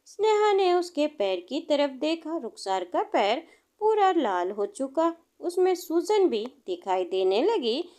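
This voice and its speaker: Woman storyteller, high and lilting, slow scripted narration. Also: big pitch swings, darkish tone.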